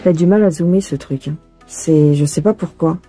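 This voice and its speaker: Filmed by a phone focused on her hands, a cross-stitch tutorial host chats casually and thinks aloud to the viewer while she embroiders. She speaks in a low, dark voice at a moderate pace, with faint music in the background.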